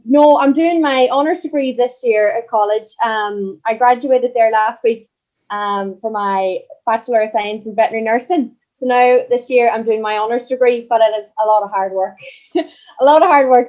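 A dull, slightly lo-fi recording of a young woman with a Donegal accent. Her voice is fairly high yet very mellow, and she chats casually as a guest. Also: normal speed. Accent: Donegal, Ireland. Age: young adult. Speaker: podcast guest, country singer. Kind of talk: casual chat.

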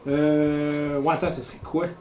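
Hesitant player. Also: male voice, on the high side, little pitch movement, unhurried, mellow, slight background noise.

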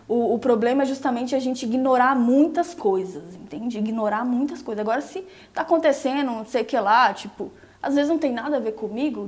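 Emphatic, fairly high-voiced woman. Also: a little mellow. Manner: emphatic, often checks in with "entende?". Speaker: marriage and relationship coach. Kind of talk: casual live-stream advice chat with viewers.

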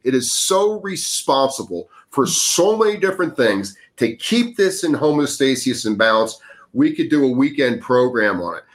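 A man with a mid-range voice talks in an earnest, coaching way during a relaxed podcast chat. He leans into his points and grows more emphatic as he explains. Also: medium pitch, moderate pace. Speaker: breathwork guest. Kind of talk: casual podcast conversation.

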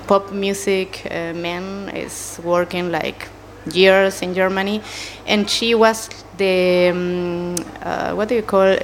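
Female interviewee in her thirties, Chilean Spanish accent, non-native English, slow halting delivery full of fillers, faint background noise. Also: medium pitch. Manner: hesitant, searching for English words, many fillers. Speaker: animator, interview guest. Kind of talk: casual interview answers.

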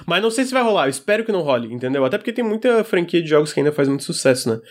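A man with a Brazilian Portuguese accent hosts a casual gaming news chat. His voice sits a little high for a man, and he talks very quickly in a conversational way. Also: sing-song. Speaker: podcast host. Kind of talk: casual chat about video game news.

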